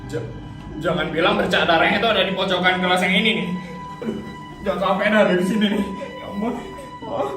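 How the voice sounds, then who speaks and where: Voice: medium pitch, fairly even intonation, fast, voice pushed down, close to an everyday voice. A performer voicing a timid schoolgirl in an amateur fan horror drama, stammering and fretful. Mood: scared. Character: timid, easily scared schoolgirl. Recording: very echoey, far from mic, music behind.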